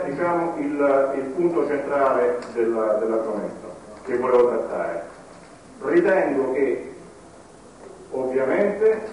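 A man giving a conference talk in a deliberate, halting way, often restarting his phrases. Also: a little high, a little mellow, a little hiss or hum. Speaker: conference speaker. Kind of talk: public lecture. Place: conference hall. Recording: echoey hall recorded from a distance.

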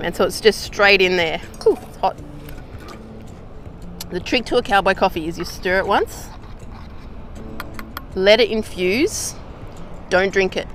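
Chatty Australian woman outdoors, slangy and relaxed. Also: medium pitch, measured pace, pauses often, faint music behind. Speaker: hiking vlogger. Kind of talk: casual how-to chat.

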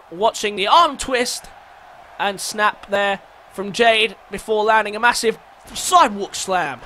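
A man giving excitable play-by-play commentary on a wrestling match, rising to shouts at the big moves. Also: sits high, a little hiss or hum.

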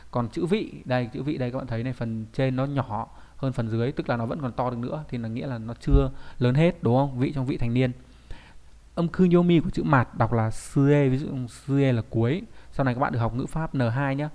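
A man teaches kanji in a recorded online lesson, speaking fairly quickly in a medium-pitched, slightly mellow voice. His delivery is loose and chatty, full of rhetorical questions and little tag questions.

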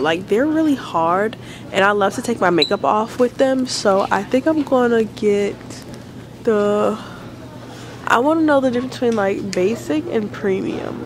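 A woman's voice: medium pitch, background noise. A young woman, slightly congested, chatting casually through a shopping haul vlog full of fillers. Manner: chatty, relaxed, filler-heavy. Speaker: vlogger.

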